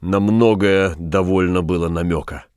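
A man reading literary prose aloud in a measured, even storytelling manner. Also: low-pitched, clear, resonant tone, no room sound, clean studio sound. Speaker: audiobook reader. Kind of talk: scripted literary narration.

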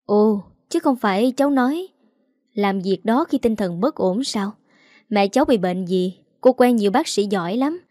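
A composed older lady played by a woman who questions with calm, needling irony. Her voice is mellow and dry, close to the mic. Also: medium pitch, no echo, lightly acted. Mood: coolly teasing. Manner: calm, teasing, unhurried. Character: poised older wealthy woman, calm and sly.

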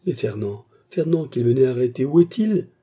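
A man's voice: medium pitch, normal speed, warm tone, husky. A man reading an audiobook, voicing a frightened young woman who pleads with anguished questions. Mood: distraught.

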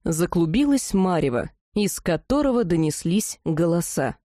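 A woman narrating a first-person fantasy audiobook in a lively, amused storytelling manner. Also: lowish voice, normal speed, dry recording, studio quality.

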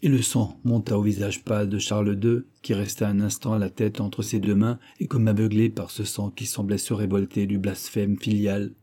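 Dark-voiced man reading a classic novel. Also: fairly low pitch, level tone, normal speed, few pauses, slightly rough. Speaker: audiobook narrator. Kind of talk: literary audiobook reading.

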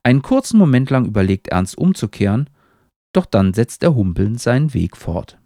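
A man narrates a story chapter on his podcast, his low voice carrying a gravelly texture and a lively, expressive lilt. The recording is dry and close, with no room sound. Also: moderate pace, no room sound. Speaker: podcast host.

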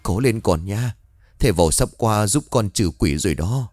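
Man playing a scared old dad in a ghost story: whimpering, pleading, high when panicked. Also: animated, normal speed, darkish tone, dry recording, studio quality. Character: frightened old father, whiny and panicky.

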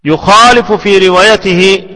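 A male scholar giving a slow, deliberate classroom lesson on hadith terminology, repeating phrases so students can write them down. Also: sits high, pushed and bright, big-room sound, rough recording. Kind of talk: slow classroom lecture with repetition for dictation.

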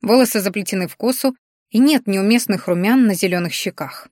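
A woman reading a first-person audiobook with a lively, heated telling. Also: mid-range voice, a little fast, no room sound, clean studio sound. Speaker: audiobook narrator.

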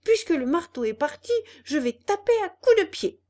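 A woman voicing an impatient wooden puppet boy who talks high, loud and urgent. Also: measured pace. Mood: pleading impatient.

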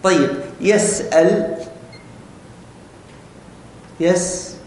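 A man's voice: extremely slow, darkish tone. A male teacher explaining spelling rules step by step to a class, often asking them questions. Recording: very echoey room with faint rumble.

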